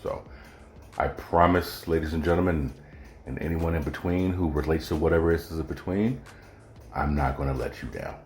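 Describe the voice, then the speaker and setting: Very deep-voiced male podcast host. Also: moderate pace, darkish tone, slight background noise. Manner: loose, joking, talks straight to listeners. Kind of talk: casual solo podcast chat. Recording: echoey room with faint music.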